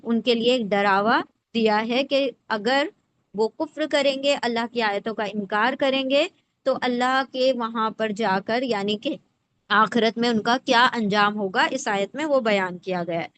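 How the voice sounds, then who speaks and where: A woman's fairly high, fairly bright voice guides a patient, explanatory lesson through the Quran word by word. She breaks words into parts and keeps checking in with the listener by asking rhetorical questions.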